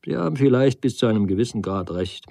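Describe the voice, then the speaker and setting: A man's voice: medium pitch, animated, fast, creaky, warm tone, no room sound, pitched above the performer's own voice. A man reading the lines of an intense young man who argues with fervent conviction in a storybook. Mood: mocking. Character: intense young man, earnest wandering philosopher.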